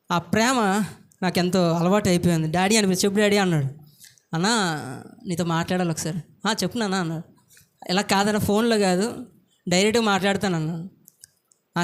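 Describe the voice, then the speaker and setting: A male pastor, telling his own story in an earnest sermon and voicing the people in it. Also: sits high. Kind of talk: sermon testimony.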